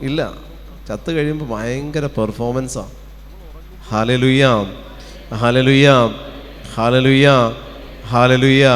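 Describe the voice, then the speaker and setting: A man with a Kerala Malayalam accent preaches a fervent retreat sermon in a medium-pitched voice, calling out hallelujahs and firing rhetorical questions. The retreat centre hall adds long reverb, and there's a little hiss or hum.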